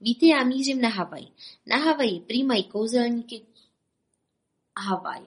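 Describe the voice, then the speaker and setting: A woman's voice: fairly high pitch, expressive, husky, voice pushed up. A woman voicing a gloomy, unlucky older male stage magician who sighs mournfully.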